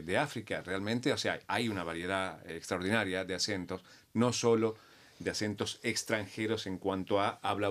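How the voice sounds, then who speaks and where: A man on a discussion panel, talking in an animated way and telling anecdotes. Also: sits low. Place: Quebec.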